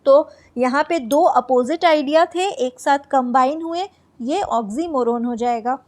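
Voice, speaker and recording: A woman teaching an exam-prep lesson, explaining in Hindi, reading English definitions aloud slowly, and asking and answering her own questions. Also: high-pitched.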